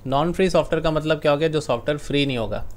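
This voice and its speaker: Hindi computer teacher, fairly high voice. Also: male voice, a little mellow. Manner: explains slowly, asks students questions. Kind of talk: online class lecture.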